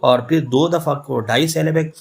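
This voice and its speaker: A man's voice: on the high side, normal speed, creaky. A man from Pakistan, an English literature professor, giving a recorded lecture and explaining patiently by restating points and repeating example words.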